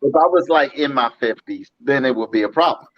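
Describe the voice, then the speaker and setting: A man's voice: mid-range voice, expressive, a little fast. A fifty-year-old man hosting a casual chat show, joking and laughing through playful banter. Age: 50s. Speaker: host. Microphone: phone. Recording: dull phone-mic audio.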